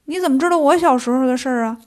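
A woman voicing a kindly old village grandpa in a children's story, speaking slowly and drawn out. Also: sits high, close to an everyday voice. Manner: slow, drawn-out old man's speech.

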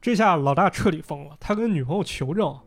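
A man with a fairly high voice tells a story in a relaxed podcast chat. He slips into the characters' lines as he narrates. Faint music plays underneath. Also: brisk. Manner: lively retelling, voicing characters in quotes. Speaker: podcast host. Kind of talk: casual storytelling.

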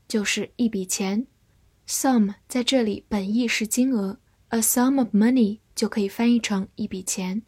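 A woman gives a scripted vocabulary lesson at a very slow, deliberate pace. Her voice is breathy and sits fairly high. She reads each example sentence slowly and then says it again. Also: a little mellow. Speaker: English vocabulary teacher.

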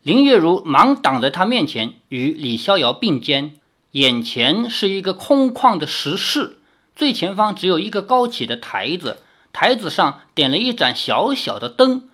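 A woman narrating a martial arts novel aloud in an expressive storytelling manner. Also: low voice. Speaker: audiobook narrator.

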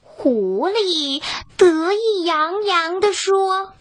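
A woman narrating a children's story in a slow, expressive, sing-song way. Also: extremely high pitch.

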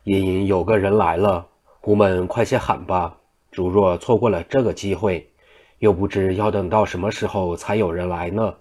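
A male storyteller voicing a practical, brisk grown man who urges the others to act. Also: sits low, fairly even intonation, a little mellow. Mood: urgent.

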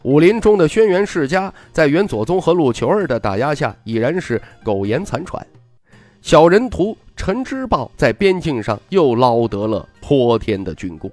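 A man narrating an audiobook in an expressive storytelling manner. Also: on the high side, normal speed, no room sound, faint music behind. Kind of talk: scripted narration.

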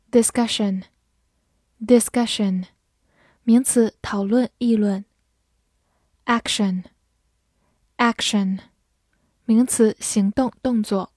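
A woman teaching English vocabulary in a patient, clear manner, slowing down to model each word and sentence. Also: on the high side, darkish tone, no room sound, studio quality. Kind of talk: vocabulary lesson.

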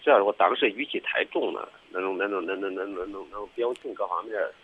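A man's voice: sits low, fast, slightly rough. A man calling in to a radio advice show, explaining himself hurriedly and defensively. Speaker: caller. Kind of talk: phone-in call to a radio show. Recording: tinny phone line.

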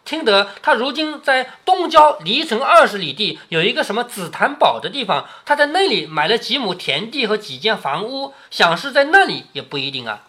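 A man's voice: sits high, sing-song, normal speed, few pauses, sharp tone, exaggerated voice. A man voicing a frightened, evasive teenage nobleman. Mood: anxious. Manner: pleading, evasive.

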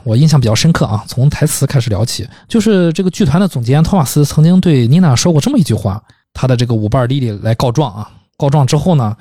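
A man's voice: medium pitch, warm tone, no echo, studio quality. A man hosting a casual podcast about films, talking in thoughtful, rambling runs with hesitations. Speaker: podcast host. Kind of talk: casual film discussion.

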